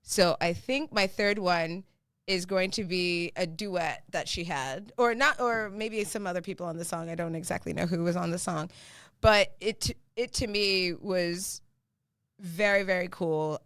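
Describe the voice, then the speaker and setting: A woman's voice: lowish voice, a little slow, a bit bright, smooth, no echo. A woman co-hosting a podcast in casual chat, playful and laughing often, thinking aloud. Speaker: podcast co-host.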